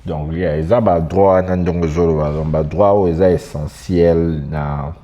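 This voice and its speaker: A man with a Congolese French accent co-hosting a casual discussion, talking haltingly and giving examples in mixed French and Lingala. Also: low-pitched, fairly even intonation, warm tone, highs cut off. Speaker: podcast co-host.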